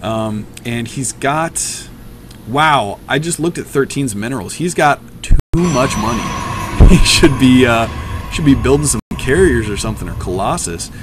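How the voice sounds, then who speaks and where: A man's voice: medium pitch, lively intonation, a little slow, music in the background. Tired man rambling over a game replay. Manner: rambling, with many ums and uhs. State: very tired, late at night. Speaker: channel host commenting on his own match. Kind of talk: casual replay commentary.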